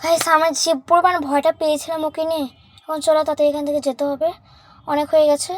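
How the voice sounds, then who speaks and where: Fast-talking woman vlogger. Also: sits high, flat delivery, slight background noise. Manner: fast, chatty, addresses viewers as guys. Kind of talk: doll role-play vlog narration.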